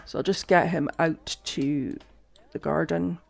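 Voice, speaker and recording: A game streamer chats casually through her gameplay commentary, thinking aloud with soft asides while a lingering cough makes her voice cut out. Her voice sits low and creaky, with a steady tone and a measured pace.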